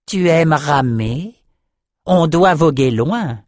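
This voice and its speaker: A man voicing a naive, childlike albino shaman slaver in an audiobook, in a high, slow, puzzled voice. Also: expressive, dry recording, clean studio sound. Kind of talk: audiobook character voice.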